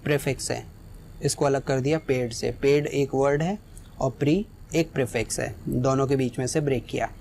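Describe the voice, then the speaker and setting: A man's voice: mid-range voice, steady tone, moderate pace, gravelly, a little mellow, slight background noise. A man teaching an English lesson in Hindi, patiently repeating each example word. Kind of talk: explaining exam lesson.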